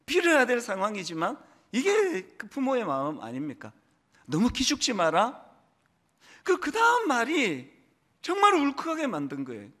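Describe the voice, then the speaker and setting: A middle-aged man preaches with a high, lively voice that swings up and down. He tells stories with feeling and acts out the people in them. His tone is bright and forceful. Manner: animated, emotional storytelling with quoted dialogue. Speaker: pastor. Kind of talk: sermon with personal storytelling.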